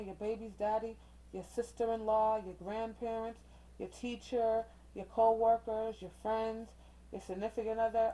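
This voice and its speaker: A woman's voice: mid-range voice, dark tone, rough recording. Chatty woman reading oracle cards. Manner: chatty and encouraging, uses slang and mild cussing substitutes; talks straight to the viewer, checking in with "okay?". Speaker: tarot reader. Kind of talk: casual oracle card reading. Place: indoors with a ring light.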